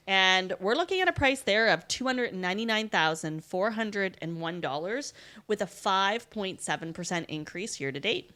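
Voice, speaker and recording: A woman co-hosting a podcast chats casually about market figures, explaining the numbers and tossing in her own asides. Her mid-range voice is animated, pushed and bright, at a normal pace.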